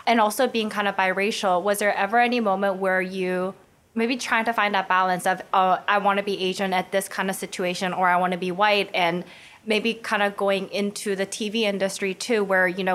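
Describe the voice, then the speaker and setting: A woman's voice: mid-range voice, fairly bright tone. A woman co-hosting an interview show, asking long, rambling questions in a casual way. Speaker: podcast co-host.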